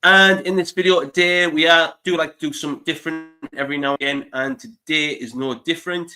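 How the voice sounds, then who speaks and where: A man's voice: a little high, steady tone, fairly quick, sharp tone, soft background music. A man in his thirties, congested with the flu, hosting a casual live interview, chatty and laughing often. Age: 30s. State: stuffy with flu. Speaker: interview host.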